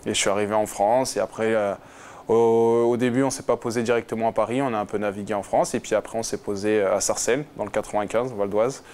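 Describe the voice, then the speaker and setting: Speaking fast in a fairly low, slightly mellow voice with fairly even intonation, a twenty-something footballer guest fields interview questions. He's casual and hesitant, often restarting and leaning on fillers.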